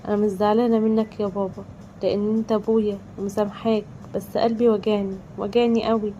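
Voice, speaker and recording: Devout young Egyptian wife, played by a woman: emotional and pleading, fast pace. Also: medium pitch, flat delivery, warm tone, muffled recording, a little hiss or hum, natural voice. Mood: hurt.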